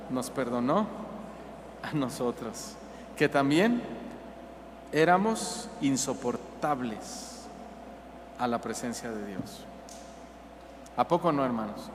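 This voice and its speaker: A man's voice: medium pitch, lively intonation, slow, long pauses, noisy background. A man with a Mexican accent preaching a sermon, chatting with the congregation, asking questions and mimicking people. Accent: Mexican Spanish. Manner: conversational, asks the congregation questions, mocking mimicry. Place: church hall. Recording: long hall reverb, faint ambience.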